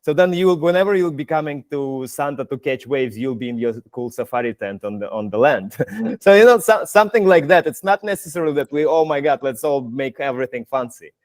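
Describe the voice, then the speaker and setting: Laughing, animated male host. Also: fairly high pitch, fairly quick, no room sound. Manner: animated, laughing, restarts sentences. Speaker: community project host. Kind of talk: casual online Q&A. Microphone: video call.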